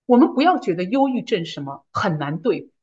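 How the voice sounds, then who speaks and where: Husky-voiced woman giving a testimony. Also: medium pitch, big pitch swings, a little fast, a little mellow, muffled recording. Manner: earnest, builds to fervent declarations. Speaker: church member giving testimony.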